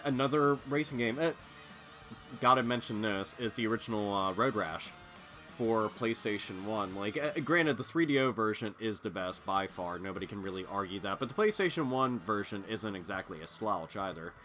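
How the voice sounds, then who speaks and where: A man with a lowish voice and lively intonation talks at a moderate pace while hosting his gaming channel. Congested from illness, he chats casually over gameplay, rambling and profane with lots of fillers, as loud racing game music plays underneath.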